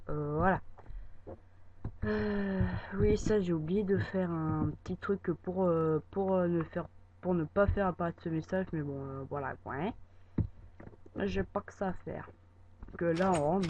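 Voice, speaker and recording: With a mid-range voice, a French-speaking YouTuber casually walks viewers through a building project in a game. His commentary is hesitant and stuffed with fillers, especially "voilà" and "euh." A dull, lo-fi mic carries steady background noise.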